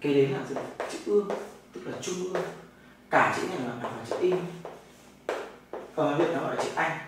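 In this noisy, very echoey clip captured from a far-off mic, a man from Vietnam with a Northern accent teaches a language class. He walks through the material step by step, answering his own questions. His voice is fairly high, animated, and at a normal speed.

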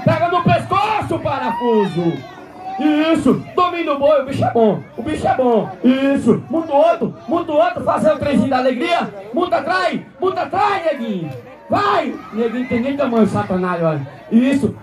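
High-pitched shouting rodeo announcer, loud crowd. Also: male voice. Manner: shouting, joking, egging on the crowd. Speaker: event announcer. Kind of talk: live bullfight-style rodeo commentary. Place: outdoor rodeo arena. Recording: loud crowd and music outdoors.

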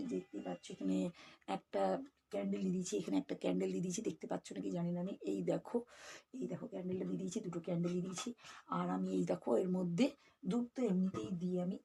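A woman chatting casually with her viewers in a home vlog, with a soft, friendly way of talking. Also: fairly low pitch, gravelly, slight background noise. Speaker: vlogger. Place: home flat.

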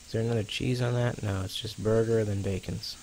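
A man's voice: fairly low pitch, steady tone, brisk, darkish tone, slight background noise, low-quality recording. A man giving casual, chatty commentary over a browser cooking game, talking to himself as he plays and swearing now and then, a little out of breath. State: slightly out of breath. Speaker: gaming YouTuber. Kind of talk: casual let's-play commentary.

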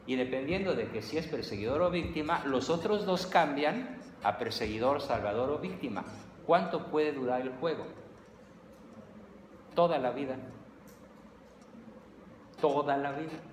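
A man with a Mexican accent giving a lively, humorous lecture, acting out everyday scenes. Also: medium pitch. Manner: animated, humorous, acts out scenes. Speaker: lecturer on psychology. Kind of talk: lively lecture with acted examples. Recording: echoey hall, faint noise.

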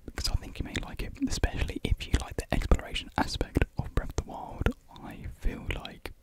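Sitting in a small room with painted block walls, a young man makes ASMR content, his soft, breathy, unvoiced whisper pressed close to a big desk condenser microphone. He rambles informally and keeps a brisk pace.

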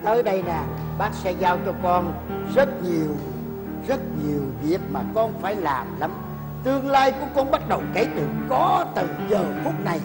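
An actor playing a proud, hospitable older patriarch in a stage play, speaking in a booming, declamatory way. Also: male voice, big pitch swings, moderate pace. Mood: jovial. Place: theater stage. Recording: stage with long reverb and music.

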